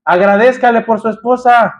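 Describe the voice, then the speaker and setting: A man's voice: very high voice, moderate pace. A man with a Mexican accent preaching a sermon as pastor, firing rhetorical questions and addressing his congregation as brothers. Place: church.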